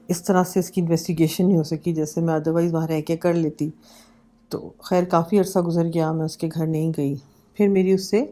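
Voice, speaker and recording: A woman with a fairly low voice tells her own ghost story as a vlogger. Her tone is warm and mellow, and she talks casually, mixing in English words and slowing to a hush at the tense moments. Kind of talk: personal horror storytelling.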